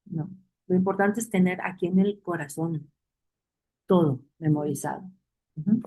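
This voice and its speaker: Woman Bible teacher, mellow warm tone, repeats points, quizzes the class. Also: lowish voice, moderate pace, rough recording. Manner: reads verses aloud and asks the class questions; repeats key phrases for emphasis.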